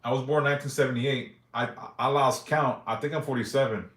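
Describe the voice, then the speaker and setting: Hosting a casual live stream, a man in his forties reads viewers' yes-or-no questions aloud and answers them briefly, swearing freely and talking loosely. He's brisk, with medium pitch, fairly even intonation, a bit of brightness and reverb.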